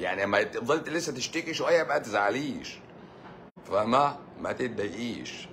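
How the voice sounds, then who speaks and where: A doctor with an Egyptian Arabic accent hosts a live stream, reading viewers' comments out loud and answering them with teasing sarcasm. His voice is mid-range and fairly bright, with slight background noise.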